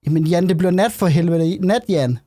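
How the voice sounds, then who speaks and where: A man hosting a let's play, chatting casually while gaming, excitable and swearing, repeatedly calling out to his friend. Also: high voice.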